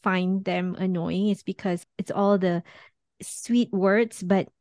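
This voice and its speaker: A woman's voice: medium pitch, fairly even intonation, slow, darkish tone, no room sound. Dry-voiced woman in casual chat. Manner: thoughtful, talks in loose chains with many "like"s. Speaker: podcast co-host.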